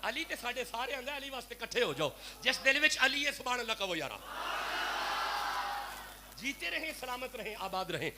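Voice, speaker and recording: Fervent Punjabi-accented preacher, high gravelly voice. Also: male voice, very animated, long pauses. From Pakistan. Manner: fervent, pleading, addresses listeners directly. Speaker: Sufi preacher. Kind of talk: devotional sermon to a gathering. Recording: noisy live recording with hum.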